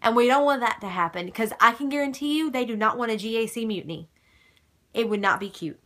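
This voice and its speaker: Bright-voiced chatty young woman. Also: a little high, quick pace. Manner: chatty, gushing and emphatic, with mild swearing. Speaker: fan vlogger answering viewer questions. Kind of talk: casual chat.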